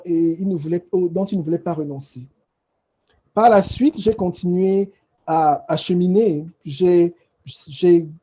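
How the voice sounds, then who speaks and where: A man with a high but very dark, husky voice tells his personal faith story on a panel. He speaks with emotion and halts often, circling back over the same phrases. The recording sounds dull and muffled.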